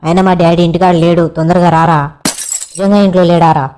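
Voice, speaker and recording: Fast-talking young man. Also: sits high, little pitch movement, a little mellow, a little hiss or hum. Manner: cheeky crude banter. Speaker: comedy skit creator. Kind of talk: village comedy skit acting.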